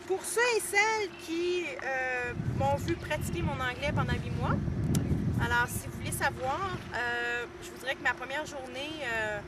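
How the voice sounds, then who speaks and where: A woman with a Québécois French accent, chatting hesitantly as she gives a casual outdoor video-diary tour recorded on a camera mic. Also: sits high. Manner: chatty and hesitant, with frequent pauses and light laughs. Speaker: student giving a video tour. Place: outdoors at a horse training center. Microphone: camera mic, filmed by someone behind the camera. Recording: loud outdoor background noise.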